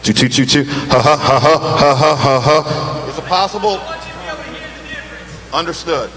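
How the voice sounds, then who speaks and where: A man's voice: a little high, measured pace, a crowd in the background. A man doing a casual soundcheck on a live stage mic, counting and calling out checks, with delay and echo added to his voice. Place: concert stage in a large hall. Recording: roomy hall with long reverb.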